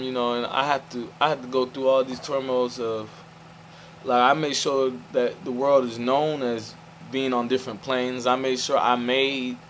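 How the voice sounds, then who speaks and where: A male vlogger with a mid-range voice rambles to the camera in a meandering, stream-of-thought way, restarting himself and repeatedly asking "you feel me." The recording is low quality, with a faint motor hum underneath.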